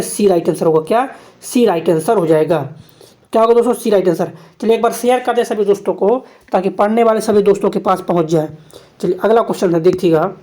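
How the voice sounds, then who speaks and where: A woman's voice: mid-range voice, darkish tone. A woman teaches an exam-prep grammar lesson, reading each question aloud and then answering it. She repeats every answer several times and keeps asking her viewers "what?" as she goes. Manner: repeats questions and answers, often asks "kya"; addresses viewers as "dosto". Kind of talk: Hindi grammar quiz lesson.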